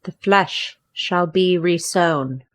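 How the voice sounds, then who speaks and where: A woman playing a creepy cultist who intones slowly and solemnly. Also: fairly low pitch. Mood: ominous.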